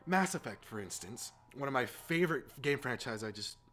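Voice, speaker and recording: This informal, exasperated man hosts gaming videos and delivers a sweary, opinionated rant to camera. He speaks at normal speed in a mid-range, fairly bright, animated voice, with background music behind.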